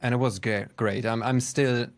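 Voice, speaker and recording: A man hosts the talk in a voice of ordinary pitch. He asks open questions in a friendly way and sometimes stops and restarts his sentences. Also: fairly even intonation, normal speed. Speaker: podcast host. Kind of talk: casual interview.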